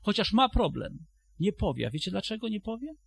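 A man's voice: sits high, very animated, fairly quick, vocal fry, breathy edge. A man preaching a sermon to a congregation, retelling a story and then addressing his listeners directly, often restarting his phrases.

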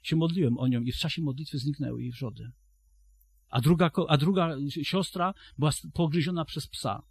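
A man's voice: fairly high pitch, fairly quick, vocal fry, husky, no echo. A man preaching a sermon to a congregation, retelling a story and then addressing his listeners directly, often restarting his phrases.

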